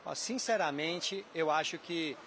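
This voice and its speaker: A man's voice: a little high, a little slow, a bit bright, slight background noise. A man from São Paulo state, a football fan answering a street interview in a hopeful, plain-spoken way. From São Paulo state, Brazil.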